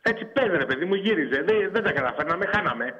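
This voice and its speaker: A man on a call-in line talks in a fairly high voice. He rambles and circles back over the same words with fan fervor. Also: animated, pushed and bright, dull audio. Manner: rambling, repeats himself, fervent fan talk. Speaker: caller. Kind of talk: casual phone-in chat.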